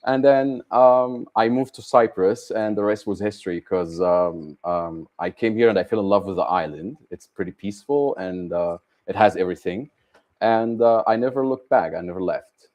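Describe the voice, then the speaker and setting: A man in his thirties with an Egyptian accent, a guest who co-founded a tech startup, answers interview questions casually and hesitantly, with many ums and uhs. His voice is lowish and darkish in tone, at a moderate pace.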